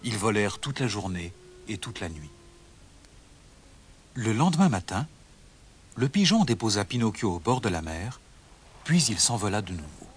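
A man narrating a children's storybook in a dramatic, expressive way. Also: on the low side, normal speed, pauses often, slightly rough. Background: music.

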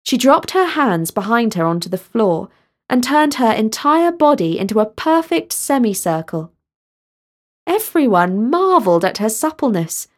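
Woman reading a kids story real slow, measured and expressive. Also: fairly high pitch. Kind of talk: storybook narration.

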